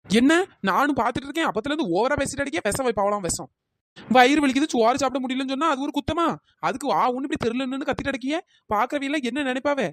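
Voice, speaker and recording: A woman's voice: high-pitched, fast talker, natural voice. A woman voicing a cheeky, evasive young daughter-in-law in a cartoon. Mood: pleading. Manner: pleading then muttering backtalk. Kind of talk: cartoon dialogue.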